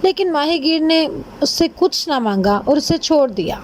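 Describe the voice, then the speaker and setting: High-voiced woman telling a storybook tale. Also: lively intonation, a little hiss or hum. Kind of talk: storybook narration for children.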